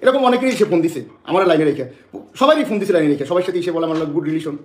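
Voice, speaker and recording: Bangladeshi guy ranting fast about his side of things, keeps repeating himself, echoey room. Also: fairly high pitch, animated, a little hiss or hum. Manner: agitated, repeats phrases over and over. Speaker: man making public allegations to the press. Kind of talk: emotional spoken statement.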